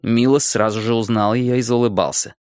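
A man narrates a story in a steady, even way. His voice sits in a middle range. The recording is dry and close, with no room sound. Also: medium pitch, fairly quick, no echo. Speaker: audiobook narrator. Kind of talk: scripted narration.

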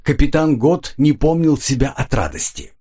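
A man narrating an adventure novel in a measured, expressive reading voice. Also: mid-range voice, breathy edge. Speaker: audiobook narrator. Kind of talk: scripted narration.

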